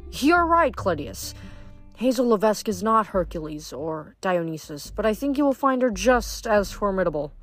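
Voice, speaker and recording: A woman doing a calm mysterious goddess. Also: mid-range voice, soft background music. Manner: measured, quiet.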